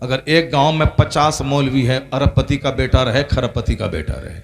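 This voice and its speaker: A man's voice: medium pitch, normal speed, gravelly. A man preaching a sermon, building his points through repeated refrains and rising to impassioned peaks. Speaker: Islamic preacher.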